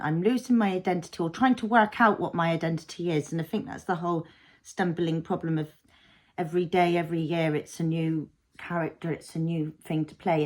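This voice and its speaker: A woman talks in a fairly low voice. She rambles thoughtfully in a casual vlog, leaning on fillers as she works through her feelings. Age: 30s. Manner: rambling, reflective, filler-heavy. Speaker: vlogger, mother.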